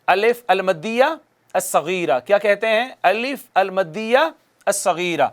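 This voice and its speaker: A man teaching Quran recitation rules on television, explaining patiently, quizzing viewers and reciting words slowly for them to repeat. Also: sits high. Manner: asks the audience questions and answers them himself. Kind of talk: televised tajweed lesson.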